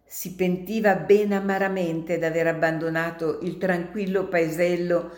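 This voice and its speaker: A woman reading an adventure story aloud in a slow, measured way. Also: fairly low pitch, fairly even intonation, darkish tone, echoey room.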